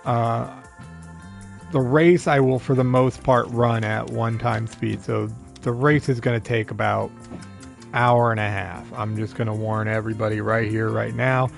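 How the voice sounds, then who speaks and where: Gravelly-voiced man casually streaming a game. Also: mid-range voice, fairly even intonation, measured pace, faint music behind. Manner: rambling, easygoing, talks to a friend on a call. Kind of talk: casual live-stream chat.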